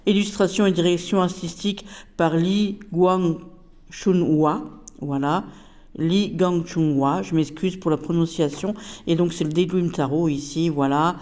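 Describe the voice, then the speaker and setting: A woman's voice: deep voice, dark tone. A woman casually reviewing a tarot deck, chatty and hesitant with many fillers.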